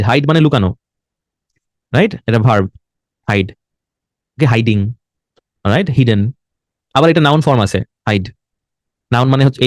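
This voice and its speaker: A man's voice: medium pitch, no room sound. Bangladeshi man teaching in a dry room. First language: Bengali. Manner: explains slowly, says words in English inside Bengali talk; writes on a board while talking. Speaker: IELTS teacher. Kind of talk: online lesson.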